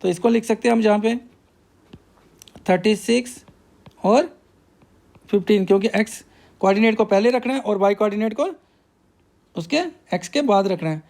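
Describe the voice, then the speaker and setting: A man's voice: high voice, normal speed, long pauses, darkish tone. A male math teacher, working through a problem step by step and asking himself questions before he answers them.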